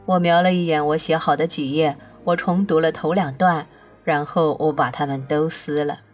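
A woman narrating an audiobook in a steady, measured first-person reading. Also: deep voice, soft background music.

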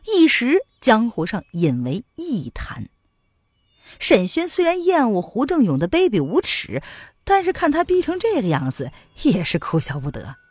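A woman narrating a martial-arts novel in a lively, expressive storytelling manner. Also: on the high side, moderate pace, slightly rough, no echo, clean studio sound.

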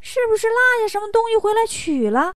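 A woman voicing a small, panicky goblin servant in a children's storybook telling, squeaky and breathless. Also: very animated, fast talker, dry recording. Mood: silly.

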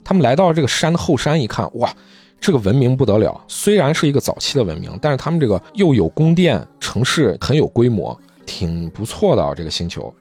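A man's voice: medium pitch, sing-song, brisk, darkish tone, slightly rough. A man hosting a podcast, casually retelling a manga story and briefly voicing the characters, with faint music behind.

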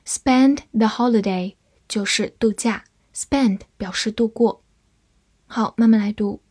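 A woman giving a scripted vocabulary lesson, spelling words out letter by letter and reading example sentences slowly. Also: on the high side, darkish tone, no room sound. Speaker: English teacher.

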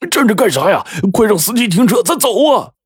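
A man voicing a panicky young robber who urges flight in frantic shouts. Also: low voice, sing-song, normal speed, dry recording, studio quality. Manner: frantic yelling.

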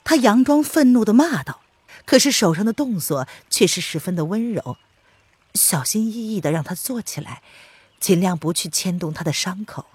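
A woman narrating an audiobook in an expressive storytelling read. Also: mid-range voice, normal speed, slightly rough, no room sound.

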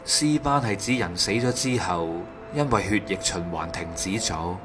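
A man's voice: on the low side, animated, moderate pace. A man with a Hong Kong Cantonese accent reads scripted true crime narration in a factual, methodical manner. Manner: factual, methodical recounting of case details. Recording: music behind the voice. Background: background music.

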